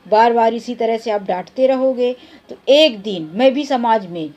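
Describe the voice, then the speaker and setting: A woman's voice: on the high side, moderate pace, mellow. A woman vlogger in her thirties giving earnest, plainspoken advice straight to camera. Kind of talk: advice vlog talking to camera.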